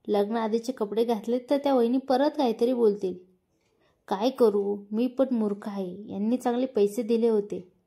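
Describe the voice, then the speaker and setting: A woman with a Marathi accent reads a family romance story aloud in a fairly high, mellow voice. She lifts her pitch slightly when she speaks the characters' lines.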